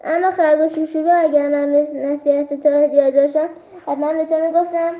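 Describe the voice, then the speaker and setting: A woman's voice: high-pitched, flat delivery, close to an everyday voice. A woman voicing a furious, vain male lion who roars and threatens, in a children's storybook reading. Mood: scornful. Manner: roaring, threatening. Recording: roomy, slightly dull recording.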